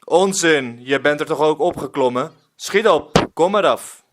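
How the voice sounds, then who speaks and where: A man's voice: medium pitch, lively intonation, slow, noisy background. A man voicing a grumbling old male ex-pirate who barks orders. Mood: cross.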